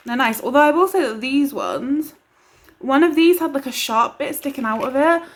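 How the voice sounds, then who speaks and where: A young woman from the UK talks casually to her camera as a beauty vlogger, rambling on in a chatty, excitable way. Her voice sits a bit high. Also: moderate pace.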